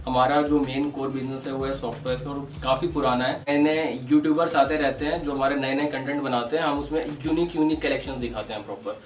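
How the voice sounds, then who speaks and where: A young man who wholesales soft toys walks viewers through his warehouse stock. He talks in a brisk sales patter and reels off prices. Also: medium pitch, fairly even intonation, distant mic. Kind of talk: casual product walkthrough. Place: large indoor toy warehouse showroom. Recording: roomy echo, voice off-mic.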